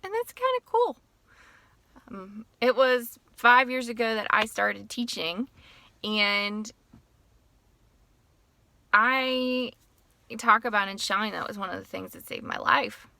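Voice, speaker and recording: A woman's voice: mid-range voice, fairly even intonation, slow, creaky, long pauses, pushed and bright, no echo. A middle-aged woman talking casually in a personal vlog from her parked car, heartfelt and rambling, sometimes tearful. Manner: emotional, tearful at times, rambling. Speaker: author and teacher.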